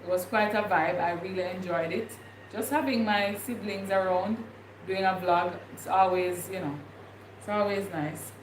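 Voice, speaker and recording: Recorded in an echoey room with obvious background noise, a young Jamaican-accented vlogger chats casually on a livestream, rambling and thinking out loud with frequent fillers. Her voice is lowish, with fairly even intonation and a moderate pace.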